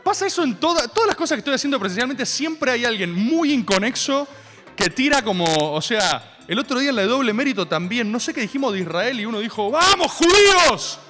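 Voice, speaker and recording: A man's voice: very high voice, lively intonation, fast talker, fairly bright tone, long reverb tail, faint music behind. A man with a Rioplatense Argentine accent, hosting a stream of ironic political commentary full of rambling asides. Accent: Rioplatense Argentine Spanish. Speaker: host.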